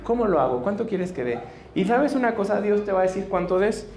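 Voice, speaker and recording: A man preaching to a congregation in a relaxed, conversational way. His voice sits a bit high, and he slips into acted-out dialogue and quick chuckles as he tells stories. A faint hiss of noise lies under the church recording. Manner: storytelling, acts out dialogue, chuckles often. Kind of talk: conversational sermon. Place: church service before a congregation.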